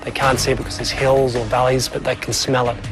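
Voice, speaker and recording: A man's voice: mid-range voice, level tone, fast, over music. A man speaking as a scientific expert, explaining things in a nature documentary interview.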